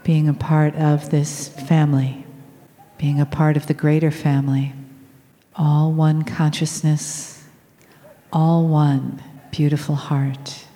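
A woman leading a guided meditation in a soft, soothing, unhurried manner with long pauses, recorded in a reverberant room. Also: deep voice, flat delivery. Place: large room with people present. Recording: reverberant hall.

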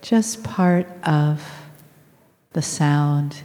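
A woman leading a guided meditation in a soft, soothing, unhurried manner with long pauses, recorded in a reverberant room. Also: sits low. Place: large room with people present. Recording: reverberant hall.

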